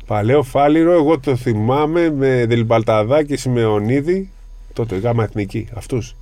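A man co-hosting a podcast, chatting casually and relaxed, sometimes halting as he tries to remember. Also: medium pitch, dry recording. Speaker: podcast co-host. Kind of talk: casual chat about basketball.

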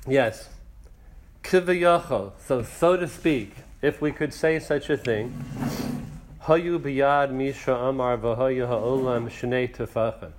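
Male teacher, mid-pitched, unhurried explaining, faint hiss behind. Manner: explains slowly, translating and counting lines aloud. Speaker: Torah class teacher. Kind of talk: teaching a text class.

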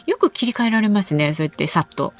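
A woman's voice: mid-range voice, sing-song, fast talker. A woman co-hosting a radio talk show, reading listener mail and chatting with a laugh. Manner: bright, laughs easily, reads listener mail. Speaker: radio announcer co-host. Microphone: studio microphone.

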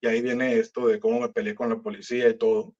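Animated Mexican man with a muffled sound. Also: lowish voice, fast. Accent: Mexican Spanish. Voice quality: slangy, animated, acts out quoted voices. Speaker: musician telling his story. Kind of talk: casual storytelling.

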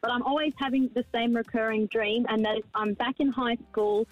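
A woman's voice: a little high, fairly even intonation, a little fast, no room sound. A young adult Australian woman calling in to a radio show, chatting casually. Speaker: radio phone-in caller. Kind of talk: casual chat. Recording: tinny narrow phone line.

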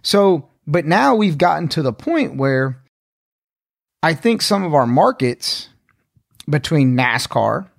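A fairly high-voiced man co-hosting a podcast, laying out his points one step at a time and agreeing easily. The sound is dry and close, with no room echo. He talks in an easygoing, conversational way. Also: sing-song, slow, gravelly. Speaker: podcast co-host. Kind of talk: casual chat.

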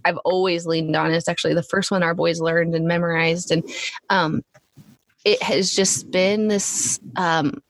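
A woman's voice: on the low side, steady tone, a little slow, no room sound. A woman guest on a podcast, telling a family story in a chatty way full of likes and ums. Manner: chatty, many likes and ums, laughs often. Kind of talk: casual conversational storytelling.

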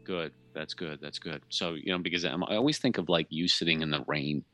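Man, heavy Boston accent, radio host, joking, forceful bright voice, dry close sound. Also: rumbling low, fairly quick, dry recording. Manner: joking, chatty, teasing. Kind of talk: casual chat interview.

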